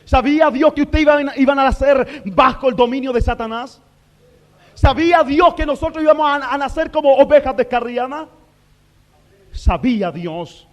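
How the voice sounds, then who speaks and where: A male minister delivers a fervent sermon to a church congregation, moving between quiet passages and shouted declarations and putting rhetorical questions to his listeners. His voice is very high-pitched at a moderate pace, and the audio sounds dull.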